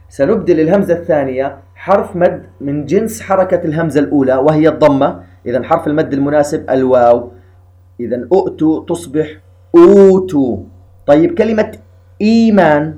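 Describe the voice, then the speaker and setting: A man teaching a lesson on recitation rules, explaining each step slowly and chanting the verses he cites. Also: a little high, warm tone.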